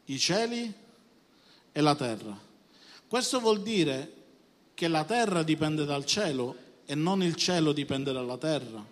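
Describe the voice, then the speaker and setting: A man preaching a Sunday sermon as pastor, swinging between quiet stretches and sudden loud bursts, often asking the congregation if they are with him. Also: a little high. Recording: hall reverb.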